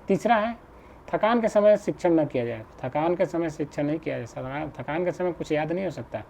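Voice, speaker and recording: A man teaching an exam-prep class, explaining slowly, repeating points and checking with the listener. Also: on the high side, dark tone, slight background noise.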